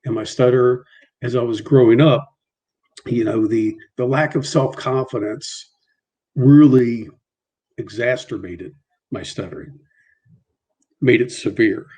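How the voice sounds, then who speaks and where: A middle-aged guest on a laid-back video call talks in a mellow, mid-range voice. Because of a mild stutter, he speaks haltingly, with frequent repetitions and restarts.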